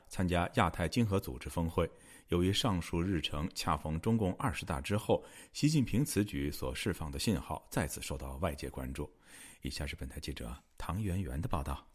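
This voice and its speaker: A man news anchor reading a scripted news lead in a formal, measured way. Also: low voice.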